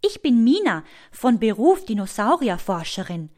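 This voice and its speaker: A woman's voice: fairly high pitch, very animated, moderate pace. A woman voicing an eager young girl who dreams of becoming a dinosaur researcher. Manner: eager, bright. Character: curious excited young girl explorer.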